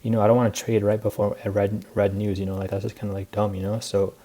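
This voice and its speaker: A teenage boy talks through his week in a loose, filler-heavy ramble, sounding tired and a little out of breath. His voice sits low and dark, with a flat, even delivery. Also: quick pace. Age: teens. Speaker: student trader recapping his week. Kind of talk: casual spoken recap.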